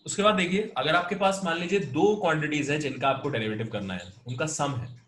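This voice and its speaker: A man's voice: on the high side, fairly quick, fairly bright tone, reverberant. A man with an Indian accent teaching a math class over a video call, explaining patiently and switching between Hindi and English. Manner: patient, explanatory, mixes Hindi and English, calls students "beta". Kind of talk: online class lecture.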